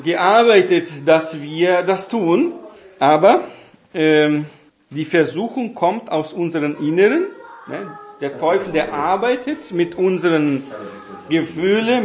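A man giving a Bible teaching talk in a halting way, with many fillers and tag questions. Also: fairly high pitch, animated, echoey room. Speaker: preacher.

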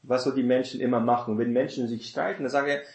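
A man's voice: mid-range voice, steady tone, fast, a little mellow. A man giving an informal Bible teaching, talking conversationally, repeating his phrases for emphasis, asking rhetorical questions and often tagging "ne?" onto them. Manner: conversational, often adds "ne?" as a tag. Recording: echoey room.

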